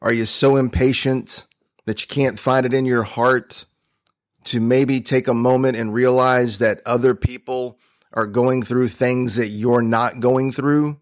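A man with a mid-pitched voice hosts his own podcast and speaks straight to the listener. He tells a motivational story in an earnest, chatty style, with casual fillers along the way. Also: steady tone, a little slow. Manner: earnest, conversational, with fillers and restarts. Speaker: podcast host.

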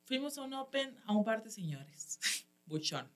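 In a fairly high voice and an unhurried pace, a woman stand-up comic with a Mexican accent shares stories during a casual chat. She stays animated, laughs frequently, and uses lots of slang.

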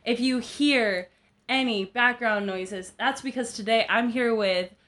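A woman's voice: a little high, unhurried, fairly bright tone. A woman in her twenties hosting a podcast at home, chatting casually with a friend, joking and teasing with lots of fillers. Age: 20s. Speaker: podcast host. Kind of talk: casual chat.

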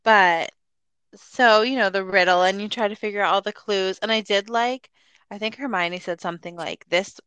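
A woman in her thirties co-hosting a casual podcast, telling stories excitedly with frequent laughs. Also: medium pitch, moderate pace, smooth, no room sound. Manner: excited storyteller, laughs often. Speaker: podcast co-host. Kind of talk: casual chat.

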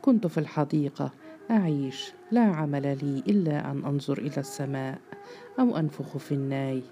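A man voicing a weary young male laborer who is bitter and mocking, read in a storybook with mellow tone. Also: fairly high pitch, a little fast, slight background noise, lightly acted. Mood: brooding. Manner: brooding, mocking.

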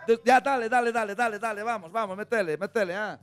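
A man's voice: high voice, fast talker, background noise. A man hosting a radio comedy segment, bantering in a bossy, playful way. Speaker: radio show host.

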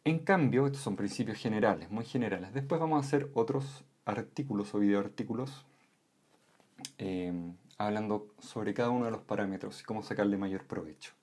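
Guy explaining how voice works, kinda husky, keeps saying ¿ya?. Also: fairly low pitch, normal speed. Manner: calm, with frequent "¿m?" and "¿ya?" check-ins. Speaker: voice and communication instructor. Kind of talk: explanatory lesson.

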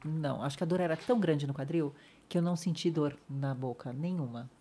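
A middle-aged Brazilian woman with a somewhat low voice tells her story as a podcast guest. She acts out the voices of the people in it and lets her voice sink to a near whisper when it hurts. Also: a little fast. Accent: Brazilian Portuguese. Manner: vivid retelling, acts out others' lines, drops to a hush at painful moments. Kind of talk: emotional personal storytelling.

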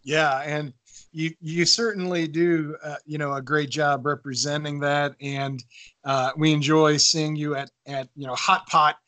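A man's voice: fairly high pitch, little pitch movement, unhurried, sharp tone, dry recording. A man co-hosting a podcast, asking rambling questions with repeated words and many fillers. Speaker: podcast co-host. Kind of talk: interview questions.

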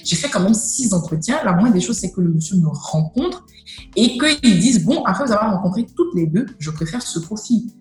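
A woman's voice: mid-range voice, moderate pace, soft background music. Woman telling her story in an echoey room. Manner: animated storyteller who acts out dialogue. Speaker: guest sharing a testimony. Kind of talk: emotional personal testimony.

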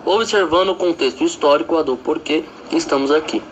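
A man giving a school presentation, reading a poem and his analysis of it in a steady, measured way. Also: on the high side, slight background noise. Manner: reads aloud from a prepared text, steady and measured.

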